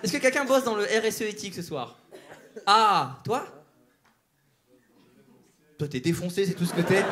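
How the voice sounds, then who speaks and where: A male stand-up comedian doing crowd work on stage, teasing audience members with quick banter. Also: high voice. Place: theater stage before a live audience. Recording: live show with loud audience laughter and noise.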